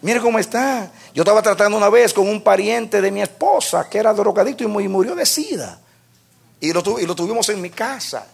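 A male pastor preaches with passion in a high, gravelly voice. His tone is husky, and he climbs to shouted peaks to drive his points home. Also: expressive, fairly quick. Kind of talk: sermon.

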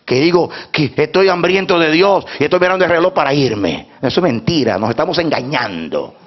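A man preaching a sermon to his church, moving from hushed talk to shouting and repeating words for emphasis. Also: a little high, expressive, a little fast. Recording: dull lo-fi sound.

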